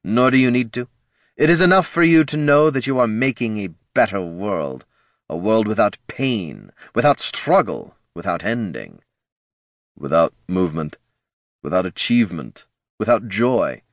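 A scheming undead overlord speaks with silky condescension, his voice climbing high as he lays out his grand designs. A man with a deep voice puts him on for an audiobook. The sound is dry and close. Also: animated, normal speed, dry recording. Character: scheming male lich overlord, smug and cold.

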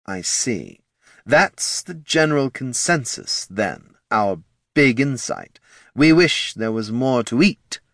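Homem fazendo um lich esquelético, lento e solene. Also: male voice, medium pitch, animated, fairly bright tone, no echo, studio quality, voice pushed up, exaggerated voice. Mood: disappointed. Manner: slow, drawn-out, ominous. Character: slow grand skeletal male lich lord.

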